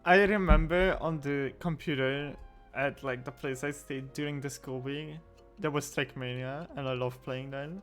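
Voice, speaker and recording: A man's voice: medium pitch, steady tone, normal speed, fairly bright tone, faint music behind. A man in a casual podcast chat, talking playfully and chattily.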